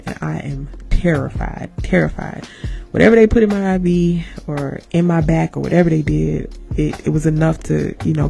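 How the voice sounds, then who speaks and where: A woman in her thirties tells a personal story on her podcast, jumping into the voices of the people in it and talking straight to her listeners. Her voice is warm and mellow with a gravelly edge. Faint music plays underneath. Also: sits low. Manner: animated, acts out the people in her story, addresses listeners as y'all. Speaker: podcast host. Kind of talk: storytelling monologue.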